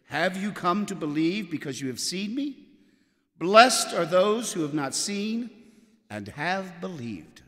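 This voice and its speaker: A man speaking as a priest, reading and preaching in a measured, expressive liturgical manner in an echoing church. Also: fairly high pitch. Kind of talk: solemn scripture reading and homily. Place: large church interior, at a lectern. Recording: cathedral-like echo, long church reverb.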